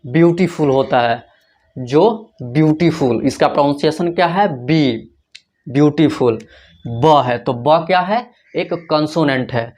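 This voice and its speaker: A man's voice: on the high side, moderate pace, a little mellow. Man teaching grammar in a raised voice. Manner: asks questions and answers them himself, repeats key points. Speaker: English teacher. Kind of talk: classroom grammar lesson.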